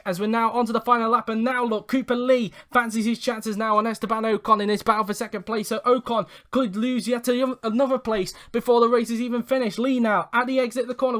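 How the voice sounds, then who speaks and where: A man commentating a sim racing league race, calling overtakes with rising excitement and then reading out the results. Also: very high-pitched. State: out of breath.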